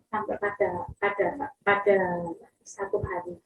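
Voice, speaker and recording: A woman's voice: mid-range voice, sing-song, a little slow, creaky, roomy sound, phone-quality sound, a little hiss or hum. A middle-aged woman telling a personal testimony with emotion, often addressing listeners directly. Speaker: testimony speaker.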